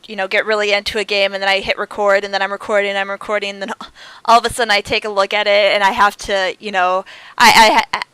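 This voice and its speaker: A woman's voice: medium pitch, flat delivery, fast, pushed and bright, smooth, dry recording, poor audio. A woman hosting a casual podcast chat, wry and laughing as she talks. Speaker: podcast host.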